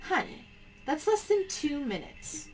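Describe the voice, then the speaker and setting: A woman puts on an unflappable country lady doctor for a game. She talks in a folksy dialect with motherly endearments. Her voice sits fairly high, over faint background noise. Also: very animated, measured pace, rough recording. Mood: exasperated. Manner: folksy dialect, calling people honey and dear.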